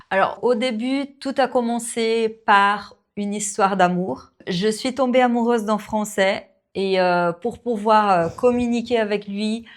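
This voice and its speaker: Here a mid-range female voice belongs to a French teacher from Brazil, a native Portuguese speaker who hosts her own channel. She takes viewer questions casually on camera, unhurried and warm, dropping frequent fillers and small laughs along the way.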